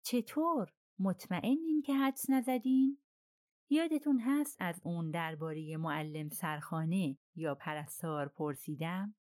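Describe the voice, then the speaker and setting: A woman voicing a shrewd, self-assured older male detective, soft and persuasive, in an audiobook. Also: lowish voice, lightly acted.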